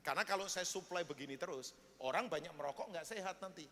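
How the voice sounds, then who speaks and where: A man voicing a male congregation member who quietly muses about changing his business. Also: high-pitched, quick pace, voice pushed down. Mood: musing. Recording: echoey church hall.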